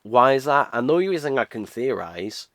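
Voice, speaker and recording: A sing-song, slightly fast, mid-range voice with a bit of brightness comes from a British man in his twenties, nasal from a cold. His casual game unboxing review rambles along with uhs and restarts, and there's no room sound.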